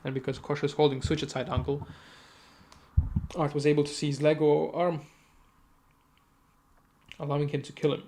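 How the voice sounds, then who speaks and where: Guy casting a live esports match, fast play-by-play, kinda high voice, keeps correcting himself. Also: a little hiss or hum. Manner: rapid, self-correcting, chatty asides, sudden excited outbursts. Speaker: esports caster.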